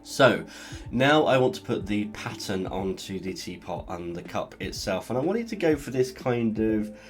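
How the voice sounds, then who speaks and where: An art channel host with a stuffy cold chats in a relaxed way, explaining each step as he paints. His voice is fairly low and moderately paced, with soft music in the background.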